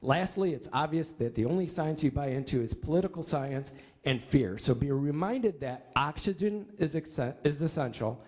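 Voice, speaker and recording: A man's voice: a little high, animated, moderate pace, darkish tone. An American man reading out a prepared public comment in an accusatory, emphatic manner.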